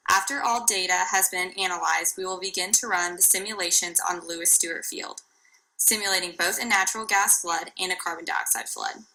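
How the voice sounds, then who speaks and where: A woman's voice: lowish voice, pushed and bright, low-quality recording. A young woman from Texas, a student reading a formal class presentation, with the odd restart.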